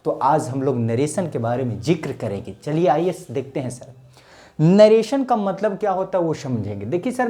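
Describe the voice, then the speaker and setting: Mellow-voiced Bihari man teaching grammar. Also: high-pitched. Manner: chatty and joking, asks questions then answers them, calls viewers sir. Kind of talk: casual grammar lesson to camera.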